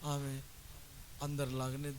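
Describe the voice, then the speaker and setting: A man pastor preaching a sermon, telling stories and building up to loud, forceful exhortation. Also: medium pitch, completely flat delivery, takes it slowly, slight background noise. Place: church worship service.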